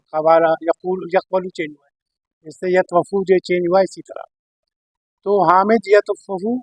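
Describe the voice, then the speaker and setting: Man, high pitch, dry close sound; patient grammar teacher who repeats each form slowly. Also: no room sound. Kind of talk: Arabic grammar lesson.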